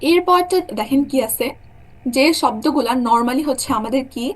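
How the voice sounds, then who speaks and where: A woman's voice: sits high, animated, normal speed. A young woman teaching a German class, explaining rules step by step and often checking that her students follow. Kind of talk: online class lecture.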